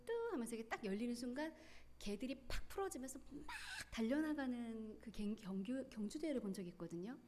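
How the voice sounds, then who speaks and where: A woman in her forties with a Gyeongsang accent gives an earnest, tearful personal testimony at church, speaking in quick bursts of emotion. Her voice is fairly high and warm.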